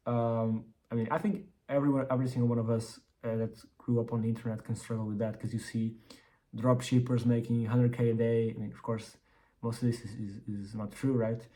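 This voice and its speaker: A mellow-voiced man in braces talks fairly quickly, mid-range and flat, in a casual business update vlog. The braces slightly impede his articulation. This entrepreneur vlogger rambles, repeating words and starting them over.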